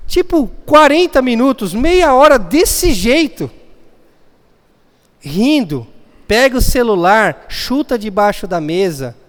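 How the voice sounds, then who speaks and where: A man with a high, smooth, resonant voice preaches in a church, telling stories and acting out the people in them. His voice rings with a long hall reverb. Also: very animated, slow pace, a bit bright. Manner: storytelling, acting out family scenes. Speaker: pastor. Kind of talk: sermon.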